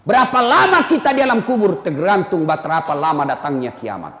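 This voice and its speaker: A man's voice: sits high, brisk. A man preaching a humorous sermon, telling stories and switching voices. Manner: animated storytelling, jokey, switches voices. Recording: echoey hall with long reverb.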